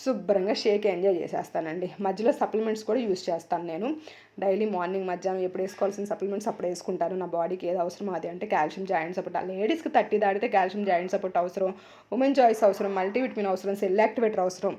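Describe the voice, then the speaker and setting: A woman in her thirties, a wellness coach, chatting loudly and energetically in a casual vlog. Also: mid-range voice. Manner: loud, fast, energetic chatter.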